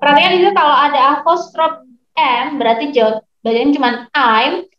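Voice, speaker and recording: High-voiced woman teacher, echoey muffled audio. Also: fairly bright tone. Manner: slow, patient explanations to students. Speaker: English teacher. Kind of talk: online class lesson, mixing English and Indonesian. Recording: echoey, slightly muffled online lesson audio.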